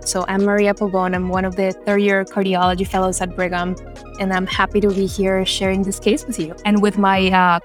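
Woman doctor on a podcast, cheerful and friendly, light music under. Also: medium pitch. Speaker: cardiology fellow. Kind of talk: casual self-introduction.

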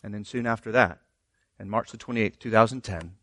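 A man's voice: on the low side, fairly quick, a bit bright, dry recording, clean studio sound. A middle-aged man, a pastor, telling his story earnestly in a sermon with fillers and restarts.

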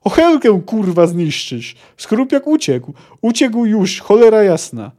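A man reading aloud and voicing a gruff, bossy male dwarf leader who shouts commands and curses. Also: sits high, lively intonation, moderate pace. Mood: blustering. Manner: loud, cursing commands.

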